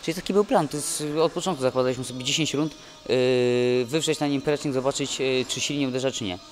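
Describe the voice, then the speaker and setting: A young man, freshly off a fight, talks through a post-fight interview in a downcast, stop-start way. He trails off and corrects himself often, at a middling pitch for a man. The recording is from a handheld mic in front of a sponsor wall at an indoor event. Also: faint music behind. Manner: dejected, halting, many restarts. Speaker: boxer. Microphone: handheld mic held by interviewer.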